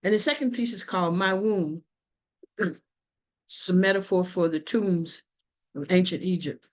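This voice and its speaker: A woman poet reciting her spoken word pieces slowly and deliberately over a video call. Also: lowish voice. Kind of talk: spoken word poetry reading.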